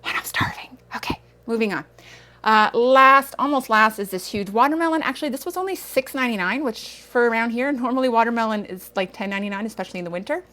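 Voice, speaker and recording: A woman's voice: a little high, fast, few pauses, bright, forceful tone. A woman in her thirties chatting casually through a grocery haul vlog, rambling with self-aware asides. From Canada. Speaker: vlogger.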